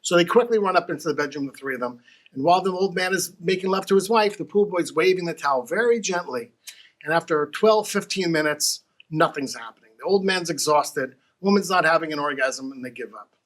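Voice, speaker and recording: A man tells jokes in a storyteller's way, his voice sitting a little high. He builds each setup steadily, then slows down to land the punchline. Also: expressive, a bit bright. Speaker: joke teller. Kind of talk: telling jokes to camera.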